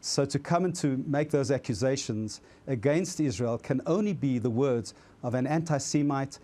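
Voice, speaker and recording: A man from South Africa, founder of an advocacy group, arguing forcefully and categorically in a debate. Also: medium pitch, moderate pace. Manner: forceful, categorical, stumbling at times. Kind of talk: studio debate.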